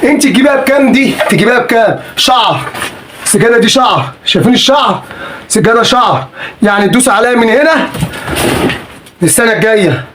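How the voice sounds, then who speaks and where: Fast, high-pitched Egyptian man hawking wares. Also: lively intonation, noisy background. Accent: Egyptian Arabic. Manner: pushy, repetitive, exasperated haggling. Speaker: secondhand goods seller. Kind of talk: sales pitch vlog. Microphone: phone camera.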